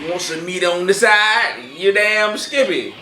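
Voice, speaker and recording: A man with a high, bright voice drawls crude jokes at an easy, slow pace. His pitch swings widely, and he is heard in an echoey room with faint music underneath. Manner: crude, playful banter. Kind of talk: casual chat.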